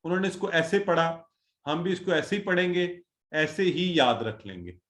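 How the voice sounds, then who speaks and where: A man's voice: on the high side, fairly bright tone. Patient male teacher in a roomy call. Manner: patient, drills word lists slowly, calls on students. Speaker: Quran Arabic teacher. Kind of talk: online class teaching.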